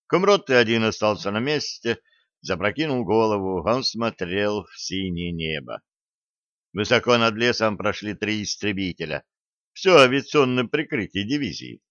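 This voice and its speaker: Low-voiced male audiobook narrator. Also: a bit bright, dry recording, dull audio.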